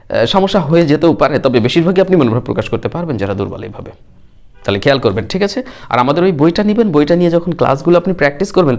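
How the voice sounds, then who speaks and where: A man's voice: a little high, darkish tone. Man teaching a spoken English lesson. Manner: explains step by step, acts out learners' broken answers. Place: classroom.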